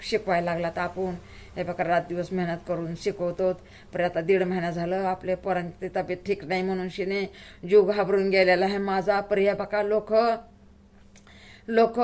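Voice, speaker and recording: A middle-aged woman vlogging about her worries, speaking in a pleading, tearful way and close to crying. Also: mid-range voice. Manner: pleading and tearful, rural Marathi speech. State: close to tears. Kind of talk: emotional personal vlog talk.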